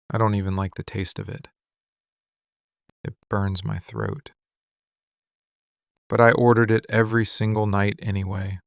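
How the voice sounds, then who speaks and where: A man plays a possessive, lovesick mafia boss with a low, gravelly voice for a boyfriend ASMR roleplay, the mood longing and intense. His short, deliberate phrases carry weary intensity on nearly a single note, recorded at studio quality without room sound.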